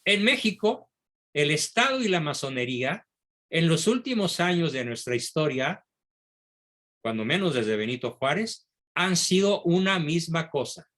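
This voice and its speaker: Man lecturing, reading quotes deliberately. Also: on the high side, big pitch swings, fairly bright tone. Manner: deliberate, reads key phrases slowly and repeats them. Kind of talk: historical commentary reading a speech aloud.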